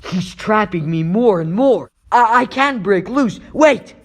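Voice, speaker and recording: A man playing a plucky, wisecracking young superhero in a comic dub, animated and quippy. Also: high voice, unhurried, exaggerated voice. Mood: strained, excited. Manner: quippy, animated, thinking aloud.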